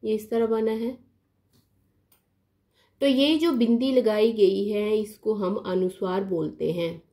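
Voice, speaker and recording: A woman's voice: medium pitch, takes it slowly, mellow. A woman teacher explaining a grammar lesson patiently, repeating key terms and mixing English words into her speech.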